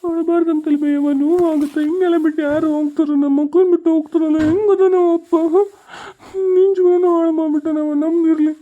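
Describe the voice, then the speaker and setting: Woman as a hostel schoolboy, North Karnataka Kannada, high and quick, pleading, family drama. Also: flat delivery, close to an everyday voice. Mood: tearful. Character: young schoolboy living away at a hostel. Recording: muffled lo-fi recording.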